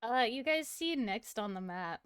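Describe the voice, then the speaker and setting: A woman's voice: a little high, lively intonation, unhurried, fairly bright tone, smooth, dry recording, studio quality. A woman running a tabletop game as dungeon master, describing scenes at length and laughing now and then.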